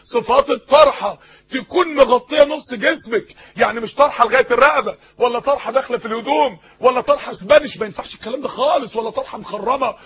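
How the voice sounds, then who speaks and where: A man's voice: very high voice, fast talker, breathy edge, lo-fi sound. A man with an Egyptian Arabic accent preaching a sermon, pleading passionately with young women and often repeating words as he searches for them. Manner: impassioned, pleading, addressing young women directly.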